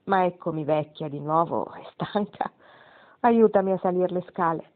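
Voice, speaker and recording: Woman voicing a wry old grandmother, dying but spirited, low voice, tinny phone-like sound, storybook reading. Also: moderate pace, lightly acted. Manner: wry, satirical. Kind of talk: audiobook reading.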